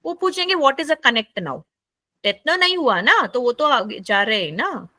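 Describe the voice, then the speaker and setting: A woman with a South Indian accent leading a group lesson, animated and often checking in with "right?" while mixing English into Hindi. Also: sits high, measured pace, dry recording. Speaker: facilitator leading a group session for seniors.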